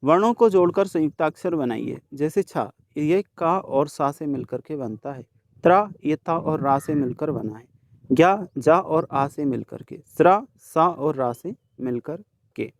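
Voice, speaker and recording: A male teacher solving a worksheet for students, sounding out each letter slowly and speaking to the class directly. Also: a little high, expressive, creaky, dry recording. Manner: slow, deliberate sounding out of letters. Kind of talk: worksheet solution lesson.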